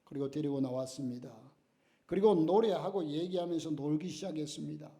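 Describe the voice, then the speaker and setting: A male pastor preaches a Sunday sermon in a church, telling a story with drama and acting out the voices and prayers of its people. His voice sits a little high but has a mellow, warm tone. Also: brisk. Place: church sanctuary.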